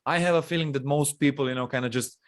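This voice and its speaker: A man's voice: mid-range voice, fast talker. A man from Croatia hosting a podcast, asking questions in a casual, friendly way with frequent ums and uhs. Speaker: podcast host. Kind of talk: casual interview conversation.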